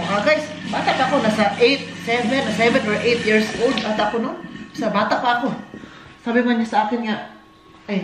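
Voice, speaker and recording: A woman from the Philippines, rambling chattily as she cooks and talks to her viewers. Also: fairly high pitch. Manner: rambling, chatty, laughs often. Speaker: vlogger. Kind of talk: casual cooking chat. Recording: echoey room with loud background noise.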